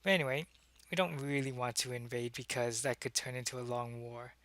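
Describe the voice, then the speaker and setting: A man whose voice is close to an everyday one, medium in pitch, a bit bright, brisk and steady in tone, performs an ASMR roleplay. As an earnest alien agent keeping secrets, he hesitantly explains things to a human in an intimate, one-sided acted monologue.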